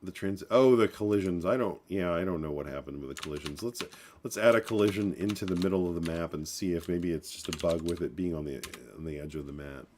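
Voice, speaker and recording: Live coding on stream, a congested-sounding man in his forties chats casually, speaking fast in a very low voice with a darkish tone. His talk circles around with fillers and restarts, occasional keyboard clatter in the background along with slight noise.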